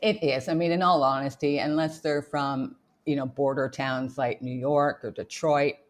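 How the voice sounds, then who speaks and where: A woman's voice: very deep voice, fairly even intonation, normal speed. A middle-aged woman with a Canadian accent and a slight Australian twang, chatting easily as an interview guest with frequent fillers and laughs. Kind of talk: casual interview chat.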